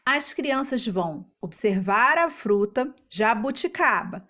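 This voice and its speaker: A woman teacher explaining a homework lesson to young children in Brazilian Portuguese, patient and slow, sounding out syllables. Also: fairly high pitch, expressive, pushed and bright.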